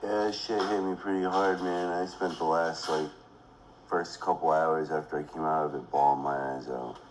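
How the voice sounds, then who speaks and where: A man speaking quietly on a livestream, shaken and subdued. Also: a bass voice, steady tone, normal speed, slight background noise. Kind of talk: casual livestream talk.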